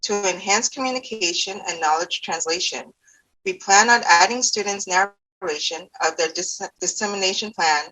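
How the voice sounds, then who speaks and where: A woman's voice: mid-range voice, moderate pace, pushed and bright, low-quality recording. A woman presenting from a script, narrating an overview.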